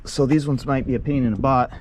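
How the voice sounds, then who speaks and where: A man talks through his truck project in an easygoing, rambling way, full of ums and uhs. His voice sits in a flat, unvarying pitch. He is recorded outdoors beside the truck with a faint hiss behind him. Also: fast. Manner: laid-back, rambling, many fillers. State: a little out of breath at times. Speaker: vlogger working on his trucks. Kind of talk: casual self-filmed narration.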